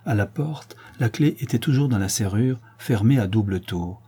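Male audiobook narrator, steady and measured, mellow dark tone. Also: lowish voice, husky. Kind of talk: audiobook reading.

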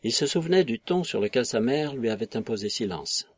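A man narrating a novel in a measured, literary reading on a close mic. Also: mid-range voice, animated, no room sound. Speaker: audiobook narrator. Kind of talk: scripted narration.

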